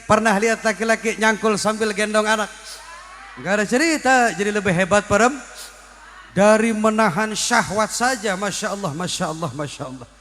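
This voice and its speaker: A man's voice: high-pitched, fairly bright tone. A man preaching a comic religious sermon, teasing the crowd with questions. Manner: joking, teasing the audience with questions. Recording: reverberant hall, faint music.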